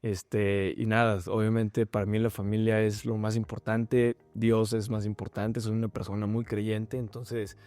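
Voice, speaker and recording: Young Mexican man, mellow voice. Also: lowish voice, a little slow, few pauses, no echo. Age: young adult. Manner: reflective, relaxed, many fillers and restarts. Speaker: guest, startup founder. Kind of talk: casual interview conversation.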